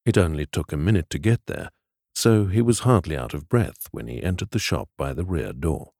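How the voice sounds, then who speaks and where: A male audiobook narrator with a very low voice that still swings expressively through each sentence. The read is dry and close, with no room around it. He tells the story in a measured, steady way. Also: vocal fry, dry recording.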